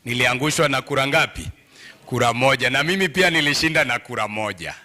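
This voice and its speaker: Middle-aged man, Kenyan accent, bright forceful tone, medium pitch, conversational trainer, informal public talk. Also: fast. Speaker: trainer and industrial relations consultant. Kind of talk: informal public talk mixing English and Swahili.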